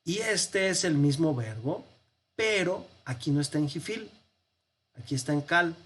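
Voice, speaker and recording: A man's voice: on the high side, expressive, measured pace, fairly bright tone, slightly rough. A priest giving a Bible class, explaining a text step by step and answering his own rhetorical questions. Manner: walks through a text on screen, counting and pointing.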